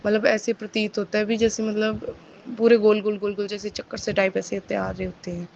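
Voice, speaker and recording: A woman, reverently describing her meditation experiences to her guru in a halting, hesitant way, full of restarts. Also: medium pitch, flat delivery, gravelly, darkish tone, a little hiss or hum. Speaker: spiritual seeker sharing a testimony. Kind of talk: devotional testimony addressed to a guru. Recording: dull lo-fi recording.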